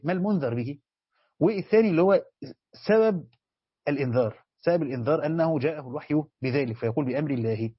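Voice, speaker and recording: A man's voice: fairly high pitch, slightly rough, no echo, highs cut off. A man with an Egyptian accent teaching a religious lesson, explaining word by word and asking his listeners questions. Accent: Egyptian Arabic. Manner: explanatory, asks students questions. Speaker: sheikh teaching Quran commentary.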